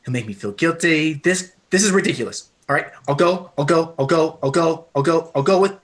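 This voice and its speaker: A man's voice: fairly high pitch, brisk, a bit bright, natural voice. A man reading a whiny, fretful teenage boy in an unrehearsed script read-through. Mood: frantic.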